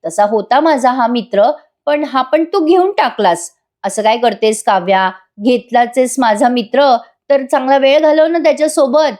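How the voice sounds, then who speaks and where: Here is a sugary, mock-caring young woman who pokes and teases in a retelling of a TV-serial scene, as a woman narrator puts her on. Her voice sits fairly high and stays close to the narrator's own. It comes across as a storyteller lightly acting out a line. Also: animated, normal speed, a little mellow. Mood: mock-sweet. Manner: sugary, mock-sympathetic, teasing. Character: sweet-talking, taunting young woman meddler.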